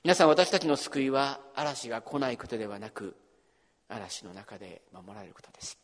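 A man preaching a sermon as pastor, swinging between loud emphasis and hushed near-whisper in a church hall. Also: medium pitch, lively intonation, moderate pace.

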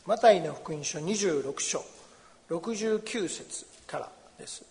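A man, a pastor, giving a sermon with Bible reading, explaining gently in a conversational way in a church. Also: high voice, animated, measured pace. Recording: long reverb of a large hall.

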